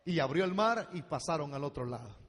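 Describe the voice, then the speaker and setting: High, lively-voiced preacher in a big hall. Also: male voice, brisk. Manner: animated preaching, swings from low asides to loud shouts; addresses the congregation directly as brother and daughter. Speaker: pastor. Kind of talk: sermon. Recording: long hall reverb.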